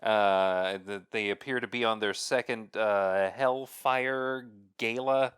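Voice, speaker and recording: A man co-hosting a casual podcast, talking slowly with many fillers and wry complaints. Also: on the low side, steady tone, fairly bright tone, clear, resonant tone, no echo, studio quality. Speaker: podcast co-host.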